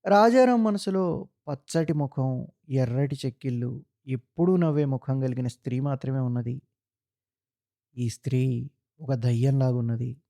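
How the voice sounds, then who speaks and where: A man reading a literary short story aloud in a measured, solemn narration. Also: medium pitch, creaky, warm tone, no room sound, clean studio sound.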